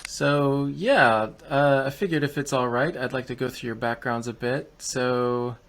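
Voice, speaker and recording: A podcast host conducts a casual interview, his questions rambling and conversational, often restarting midway. His voice is medium in pitch and fairly bright, and he talks a little slowly.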